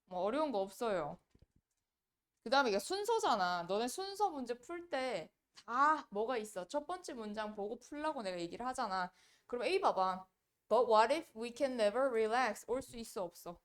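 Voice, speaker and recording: A woman teaching an English grammar lesson, quizzing her students with quick rhetorical questions. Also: on the high side, very animated, a bit bright. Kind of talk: exam-prep grammar lecture.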